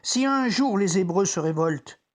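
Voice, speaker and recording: An actor playing a troubled, conscience-stricken Roman centurion, reflecting deliberately in a dramatic biblical monologue as if talking to himself. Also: medium pitch, lively intonation, close to an everyday voice. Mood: reflective, ashamed. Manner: introspective, deliberate, theatrical.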